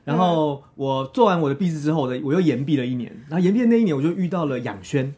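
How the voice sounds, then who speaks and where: Animated, fast Taiwanese-accented man, husky voice. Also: on the high side. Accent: Taiwanese Mandarin. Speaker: interview guest, theatre director. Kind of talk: casual interview storytelling.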